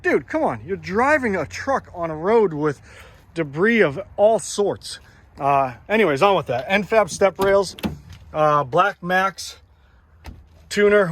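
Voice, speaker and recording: A man's voice: sits high, unhurried. Rambling, eager man showing off a truck. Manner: rambling, filler-heavy, enthusiastic. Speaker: truck seller. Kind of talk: casual vehicle walkaround. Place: outdoors beside a parked truck.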